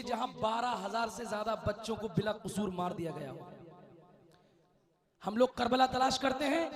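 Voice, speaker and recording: A man reciting devotional poetry who speaks earnestly to a gathering, urging them to raise their hands and join in. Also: very high-pitched. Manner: earnest, pleading appeals. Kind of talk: addressing a gathering between chanted verses. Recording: clear music behind the voice.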